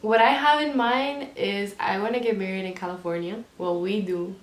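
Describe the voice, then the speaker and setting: A woman's voice: mid-range voice, moderate pace. Chatty young woman in an echoey room. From Miami. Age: 20s. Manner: chatty, uses "like" a lot. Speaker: vlogger. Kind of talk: casual chat to camera. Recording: echoey room with background noise.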